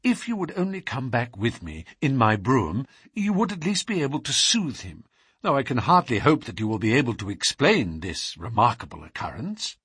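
A man's voice: medium pitch, sing-song, moderate pace, a bit bright, husky, dry recording, studio quality, exaggerated voice. A man voicing an earnest, easily indignant doctor in an audiobook, speaking in a formal, precise, agitated way. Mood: earnest, troubled. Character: earnest, indignant male doctor recounting a puzzling case. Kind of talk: audiobook character voice.

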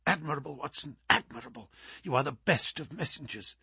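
A man voicing a brilliant, feverish male detective who speaks crisply and urgently. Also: high voice, expressive, moderate pace, fairly bright tone, no echo, clean studio sound, voice pushed up, full character voice.

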